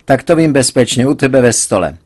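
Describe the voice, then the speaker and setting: A man's voice: medium pitch, lively intonation, darkish tone, pitched above the performer's own voice, lightly acted. A stubborn young daughter answers in a light, cajoling tone, a little raised from the reader's own voice, as a male narrator puts her on. She coaxes rather than argues, in a storybook reading. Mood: coaxing.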